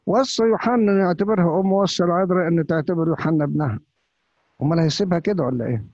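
Husky-voiced man preaching with rhetorical questions. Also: a little high, very fast, a little mellow, no echo. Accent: Upper Egyptian Arabic. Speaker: priest. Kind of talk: sermon. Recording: dull, lo-fi, dry.

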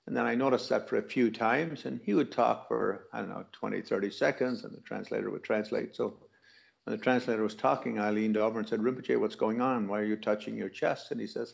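Low gravelly man, unhurried storytelling. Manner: unhurried, reflective, with many restarts. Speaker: teacher recounting a personal story. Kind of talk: casual storytelling. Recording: dull lo-fi recording.

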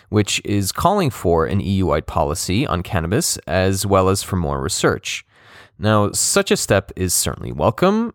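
Podcast host guy reading his intro, lively up and down delivery, dry close sound. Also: deep voice, no room sound. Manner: conversational, lightly joking. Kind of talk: scripted podcast narration.

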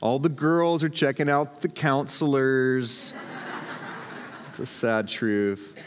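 A man preaching a sermon with a relaxed storytelling manner and self-deprecating humor. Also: mid-range voice, slow, slight background noise. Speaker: pastor. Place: church sanctuary. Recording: long hall reverb.

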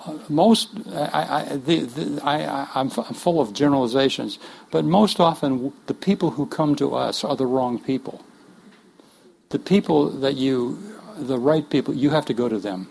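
A man with a mid-range, creaky, somewhat mellow voice leads a workshop for pastors at a moderate pace. His teaching is earnest and conversational, with joking asides and frequent restarts, captured in a rough recording with a little hiss or hum.

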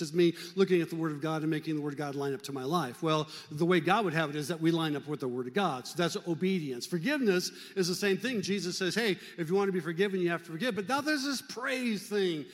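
A male pastor preaching a fervent sermon in a church, urging the congregation to clap and shout. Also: fairly high pitch, big-room sound. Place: church sanctuary.

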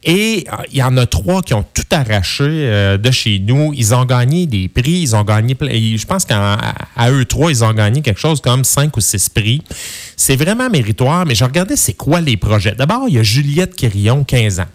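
A man's voice: mid-range voice, animated, normal speed. A man with a Quebec French accent chatting casually on air as a co-host, in a colloquial, enthusiastic way. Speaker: radio show co-host.

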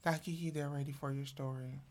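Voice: medium pitch, fairly even intonation, fairly quick, a little mellow, a little hiss or hum. A host of a comedy sketch, hesitant and full of fillers as they set up a guest. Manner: hesitant, filler-heavy setup.

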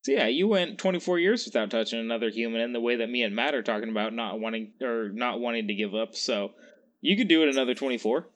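A man in his twenties with a medium pitch talks quickly while co-hosting a casual podcast chat. He rambles, jokes and laughs often.

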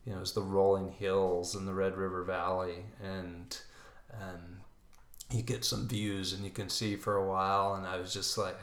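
A man in a casual chat, telling an animated running story and bursting into loud reenactments. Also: deep voice. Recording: roomy echo.

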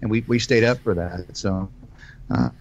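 A man in his fifties with a lowish voice talks through ideas in a casual live-stream chat. He hesitates often, circling back with ums and restarts. The recording sounds dull and lo-fi. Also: moderate pace. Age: 50s. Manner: hesitant, many fillers and restarts. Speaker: podcast co-host.

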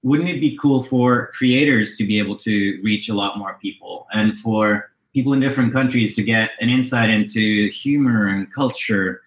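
A man's voice: on the low side, normal speed, few pauses, muffled recording. Man, from Norway, interview guest, rambling, lots of fillers, roomy echo. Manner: thoughtful, rambling, with many fillers. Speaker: podcast guest, company co-founder. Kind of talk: casual interview.

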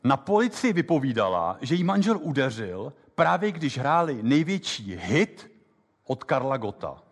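A man lecturing on memory techniques before an audience, talking fast and lively with plenty of hesitations. His voice carries the long reverb of a lecture hall. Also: mid-range voice. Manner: lively, quick explanations with many fillers. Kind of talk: live lecture with app demo.

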